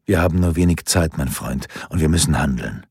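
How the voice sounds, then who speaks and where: A man's voice: very deep voice, animated, brisk, darkish tone, slightly rough, no room sound, studio quality, exaggerated voice. A man voicing a persuasive Renaissance ruler urging a friend, in a pleading, earnest way. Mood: urgent.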